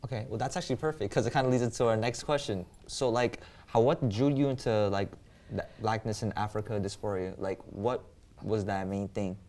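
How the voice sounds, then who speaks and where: A man's voice: lowish voice, fairly even intonation, brisk, darkish tone. A young man, a student interviewer, asking casual, hesitant questions and filling gaps with "like". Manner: loose, hesitant, fills with "like".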